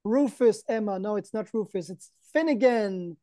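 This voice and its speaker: This man, thirties or forties, co-hosts an online event over video call from an indoor spot with a green backdrop. His banter is jokey and mock-earnest, voiced expressively at normal speed in a high, mellow register. The sound is studio quality with no echo.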